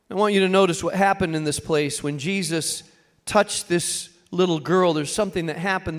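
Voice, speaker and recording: With a voice that sits high, a male pastor preaches in brief, weighted phrases, leaning on dramatic pauses and forceful repetition.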